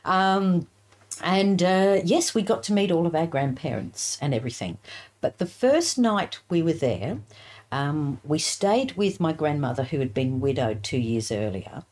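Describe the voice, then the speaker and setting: A middle-aged woman telling childhood stories in a relaxed, laughing, chatty way, with many fillers. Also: deep voice, unhurried. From England. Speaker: guest author. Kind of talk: casual storytelling interview.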